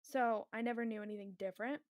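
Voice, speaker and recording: Higher-voiced young woman, laid-back. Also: steady tone, quick pace, no echo, studio quality. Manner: says "like" a lot, laid-back. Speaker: podcast co-host. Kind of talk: casual storytelling.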